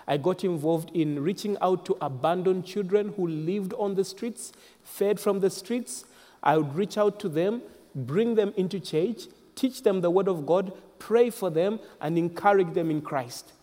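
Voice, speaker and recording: Young man, guest minister; high-ish voice, formal and reverent, reverberant church hall. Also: mellow. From Zambia. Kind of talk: prayer and personal testimony.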